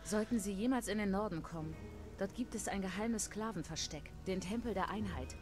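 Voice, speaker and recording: A woman's voice: mid-range voice, a little fast, music in the background, lightly acted. An actress playing a frightened former slave woman in a dubbed video game, speaking in a fearful, pleading way.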